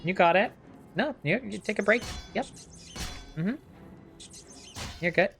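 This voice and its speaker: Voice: mid-range voice, expressive, measured pace, gravelly, a bit bright, faint music behind. A streamer giving casual, playful live commentary while playing a game, often chatting to the characters on screen.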